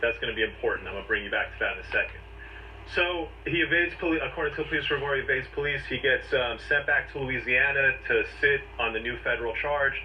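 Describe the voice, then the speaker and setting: With a medium pitch and a quick pace, this male legal commentator gives a casual explainer, building it step by step from emphatic short phrases. The audio is replayed, distant, dull and noisy.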